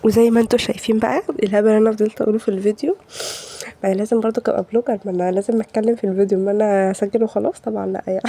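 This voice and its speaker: A woman with an Egyptian Arabic accent, slightly stuffy from a cold, rattles off her words at a very rapid pace. Her tone is soft and dark as she vents in a casual vlog voice-over. She keeps firing rhetorical questions. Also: medium pitch, fairly even intonation. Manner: heated, rhetorical venting with repeated questions. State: has a cold. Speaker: home vlogger.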